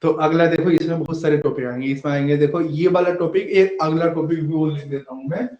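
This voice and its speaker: A man in his thirties teaching an exam-prep lesson, explaining step by step and often checking in with "है ना". He sometimes slows down to dictate notes. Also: fairly high pitch, fairly even intonation, a little mellow. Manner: explanatory, frequent "है ना" tag questions. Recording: echoey room, dull lo-fi audio.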